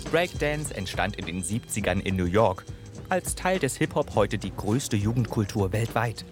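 Low-voiced man narrating over music. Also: animated, moderate pace. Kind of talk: scripted narration.

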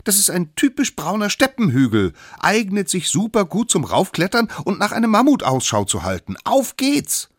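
A man voicing the smallest of a band of little cavemen, a boastful know-it-all child with a squeaky, drawn-out high voice. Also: huge pitch swings, slightly rough, no echo, clean studio sound, heavily acted. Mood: cocky. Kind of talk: storybook read-aloud.

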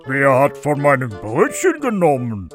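An actor voicing small gruff dwarf miners, slow and grumbling, in a children's fairy tale reading. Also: male voice, medium pitch, wildly swooping pitch, soft background music. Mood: puzzled.

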